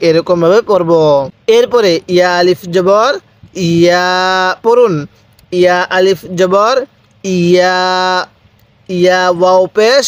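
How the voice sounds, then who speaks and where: High-voiced man drilling slow recitation. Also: steady tone, no echo. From Bangladesh. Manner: slow, deliberate, drawing out syllables for learners to repeat. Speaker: Quran reading teacher. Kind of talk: recitation lesson, repeat-after-me drill.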